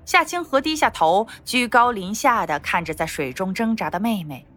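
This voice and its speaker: A woman reads a period novel aloud as an audiobook, her voice rising and falling with lively intonation. Her pitch sits in the middle range, and soft music plays faintly behind her. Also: moderate pace. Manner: expressive storytelling, lively intonation. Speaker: narrator. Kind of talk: scripted audiobook narration.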